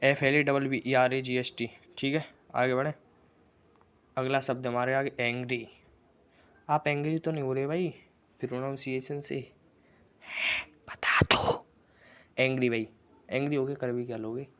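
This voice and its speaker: A man's voice: medium pitch, little pitch movement, normal speed, a bit bright, smooth. A man teaching an exam-prep vocabulary lesson, chatty and teasing as he rattles off lists of synonyms.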